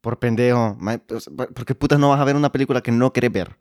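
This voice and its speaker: A man's voice: medium pitch, fast, darkish tone, no echo, studio quality. A man, cracking crude jokes while he reads listener stories aloud in casual podcast chat. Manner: crude, joking, laughs often. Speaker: podcast co-host.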